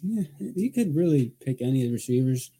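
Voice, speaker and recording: A man's voice: medium pitch, very animated, brisk, dark tone, slight background noise. A man co-hosting a casual sports chat, laid-back and jokey, mostly giving short replies. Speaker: podcast co-host.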